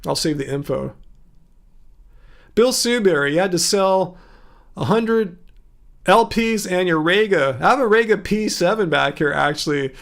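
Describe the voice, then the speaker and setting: Gravelly high-voiced man chatting on a livestream. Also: animated, unhurried, long pauses, a bit bright. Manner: rambling, chatty, many restarts, reads comments aloud. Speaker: livestream host. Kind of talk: casual livestream chat reading viewer comments. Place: home room.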